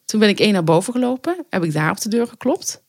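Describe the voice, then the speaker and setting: A woman co-hosting a podcast, telling an anecdote in casual chat with animated storytelling. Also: medium pitch, fast, dry recording, clean studio sound. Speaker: podcast co-host.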